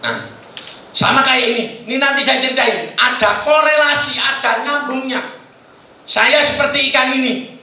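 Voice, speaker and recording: A man with an East Javanese accent giving a motivational sales seminar in a hotel hall, quizzing the audience and bursting into shouts. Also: very high voice, normal speed. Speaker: seminar presenter. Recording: very echoey hall.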